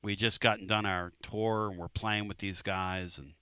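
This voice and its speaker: A man's voice: fairly low pitch, fairly even intonation, moderate pace, sharp tone, clean tone, no echo. A man hosting a sports talk radio show, telling a story in a casual, emphatic way and repeating phrases.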